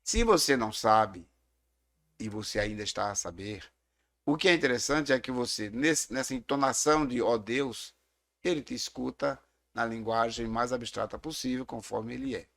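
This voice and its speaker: A middle-aged Brazilian man with a gravelly, slightly fried voice talks through questions of faith in an unhurried, reflective way. He speaks at an ordinary mid pitch and often stops to tell a story. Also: a bit bright. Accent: Brazilian Portuguese. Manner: reflective, explanatory, tells stories. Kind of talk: casual theological discussion.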